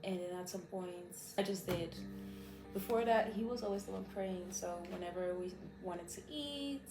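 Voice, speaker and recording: A woman's voice: on the low side, moderate pace. A Nigerian-born woman in her twenties chatting casually to camera as a vlog co-host, giggly and earnest. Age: 20s. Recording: echoey room with background music.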